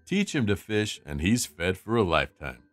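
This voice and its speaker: A man voicing a big, gruff but patient guard dog with a deadpan, weary manner in a comic dub. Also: lowish voice, normal speed, no room sound, clean studio sound, soft background music. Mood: stern.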